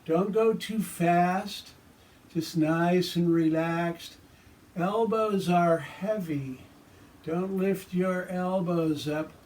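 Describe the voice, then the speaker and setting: A man giving guided tai chi and qigong movement instruction with calm, soothing, relaxed cues. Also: high-pitched, extremely slow. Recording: distant microphone.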